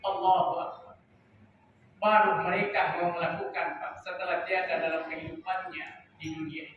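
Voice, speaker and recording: Impassioned preacher in an echoing mosque. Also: male voice, sits high, flat delivery, slight background noise. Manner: impassioned, shouting rises and drawn-out chanted Arabic. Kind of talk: sermon. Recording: distant dull echoing mosque recording.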